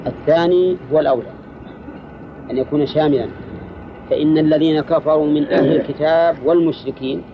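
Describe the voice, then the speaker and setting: A man teaching a lesson on Quranic exegesis to students, explaining in a measured way and putting questions to them. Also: on the high side, fairly even intonation. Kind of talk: recorded tafsir lesson to students. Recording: dull lo-fi recording with faint background noise.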